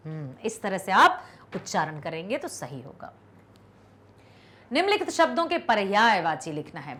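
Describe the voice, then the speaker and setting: A woman teacher leads a children's online lesson, stretching each syllable so pupils can echo it. Her voice sits high and swings widely in pitch, and she speaks at an unhurried pace. She repeats words patiently and praises the class often. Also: fairly bright tone. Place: recorded for an online class video.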